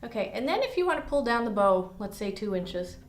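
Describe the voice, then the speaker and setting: Woman viola teacher, mid-pitched, encouraging and descriptive, roomy studio sound. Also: very animated, fairly quick. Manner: encouraging, explains with imagery. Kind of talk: instructional lesson with demonstration. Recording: echoey room.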